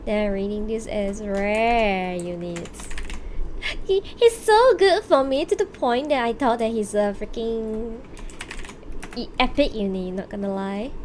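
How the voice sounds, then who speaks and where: The soundtrack of a video game runs under this female streamer's slightly high, somewhat mellow voice, along with a little hiss or hum. She talks with her viewers in a casual, playful way, using gamer slang, swearing now and then, and often thinking aloud.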